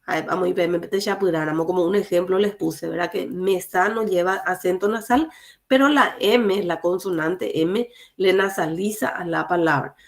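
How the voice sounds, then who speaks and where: A woman's voice: lowish voice, moderate pace. A woman teaching an online class, explaining grammar step by step with frequent fillers and two languages mixed together.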